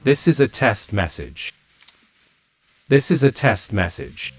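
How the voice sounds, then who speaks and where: Brief: computer text-to-speech British man, pitch-shifted deep, flat robotic read, music bed behind. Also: slow. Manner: flat, repetitive synthetic delivery. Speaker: stream alert voice.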